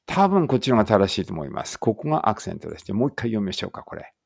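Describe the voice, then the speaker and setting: This English teacher has a low, gravelly voice that sounds dry and close, with no surrounding room sound. In a relaxed read-aloud lesson, he reasons out loud, corrects himself, and reads every English line slowly and carefully.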